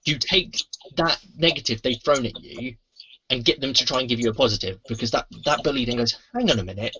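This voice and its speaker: A man's voice: mid-range voice, fairly quick, sharp tone, a little hiss or hum. A man talking earnestly about resilience training, acting out quoted lines in a casual interview. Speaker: anti-bullying trainer, podcast host. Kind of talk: casual convention interview chat. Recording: muffled lo-fi convention recording.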